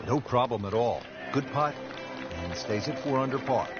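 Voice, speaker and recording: A man's voice: mid-range voice, expressive, normal speed, loud music behind the voice. A man working as lead golf commentator, calling the play in short, clipped phrases. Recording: dull audio, loud crowd and outdoor noise. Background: golf crowd and outdoor ambience.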